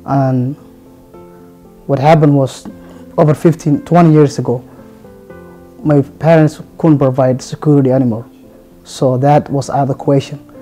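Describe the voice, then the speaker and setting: A man speaks in a mellow, fairly high voice. He talks haltingly, trailing into soft fillers between phrases as he tells his story for an interview. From Somalia. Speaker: police officer. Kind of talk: interview testimonial.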